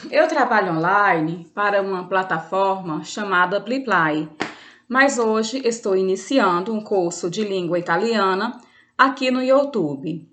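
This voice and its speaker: A woman's voice: medium pitch, animated, measured pace, fairly bright tone. A Brazilian woman with a Brazilian Portuguese accent, an Italian teacher giving an online language lesson, explaining patiently with frequent fillers and restarts.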